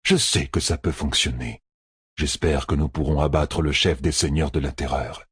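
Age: older. Figure: a man playing a grim old general. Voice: husky, low. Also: moderate pace, a bit bright, no echo, studio quality, heavily acted. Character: proud aging male general, grim and shaken.

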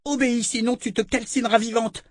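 Man voicing a little servant girl, high, small, pleading, storybook, dry sound. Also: fairly even intonation, brisk, dry recording. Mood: threatening. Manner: whimpering then threatening. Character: frightened little servant girl turning defiant. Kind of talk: storybook read-aloud voice.

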